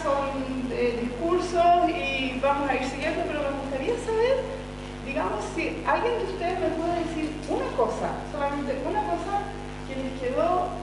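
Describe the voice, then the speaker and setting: A middle-aged woman from Chile giving a lecture to a class, pausing often with fillers while she searches for words. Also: high voice. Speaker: guest lecturer. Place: lecture room. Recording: echoey hall from far off, noisy.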